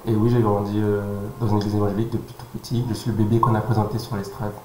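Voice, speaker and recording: Low-voiced man in his thirties, halting. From French Guiana. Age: 30s. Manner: calm, halting, with many pauses and fillers. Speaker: interview guest. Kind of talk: casual interview. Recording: roomy sound with faint noise.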